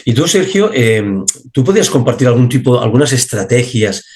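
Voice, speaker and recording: A man's voice: mid-range voice, animated, fairly quick, a little mellow. A man hosting an interview, asking questions hesitantly, repeating words and agreeing often. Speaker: host.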